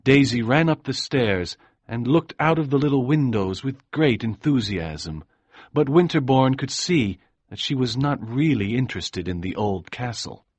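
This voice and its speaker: A man narrating an audiobook in a calm, measured way. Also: medium pitch, breathy edge, no echo.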